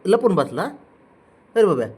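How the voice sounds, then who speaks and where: घरी फोनवर व्हिडिओ करत मांजराला आंघोळीसाठी लाडाने, चिडवत वारंवार हाका मारणारा, मराठी लहेजा असलेला पुरुष. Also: male voice, high-pitched, very animated, moderate pace, mellow. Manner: coaxing, teasing, repeats calls. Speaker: cat owner filming his pets. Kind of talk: casual home video, coaxing a pet. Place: indoors at home.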